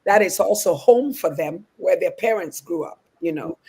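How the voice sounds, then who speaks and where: A woman's voice: on the low side, expressive, moderate pace, gravelly, warm tone, slightly rough. A woman from Ghana, a guest founder chatting in a live-streamed interview, telling stories with many "you know" asides. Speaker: guest, fitness business founder. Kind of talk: casual interview chat. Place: live stream video call.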